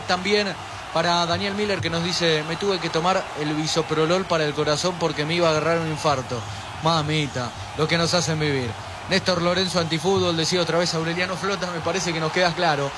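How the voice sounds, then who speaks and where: High-voiced Argentine man hyping a stream. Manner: animated, reads viewer chat aloud, pushes for likes. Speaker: football stream narrator. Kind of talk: live pre-match stream commentary. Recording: steady background noise.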